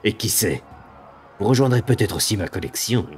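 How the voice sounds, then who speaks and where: A man voicing a ravenous demon from a video game, a haughty dark lord who taunts with drawn-out, mocking menace. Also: on the low side, lively intonation, close to an everyday voice. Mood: gloating threats. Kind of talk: dramatic video game villain read aloud.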